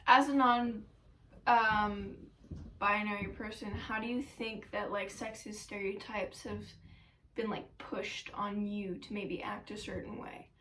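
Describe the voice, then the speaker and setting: Slow, soft-paced young woman interviewer. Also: medium pitch, steady tone, distant mic, a little hiss or hum, poor audio. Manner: slow, filler-heavy with "like". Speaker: interviewer, older sibling. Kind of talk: casual interview questions.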